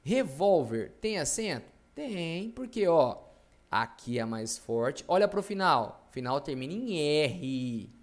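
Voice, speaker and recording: A man's voice: on the high side, sing-song, slow pace. A man teaching a grammar class, who asks his own questions, answers them, and drops jokes along the way. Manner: jokey, playful asides. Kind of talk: recorded online class lecture.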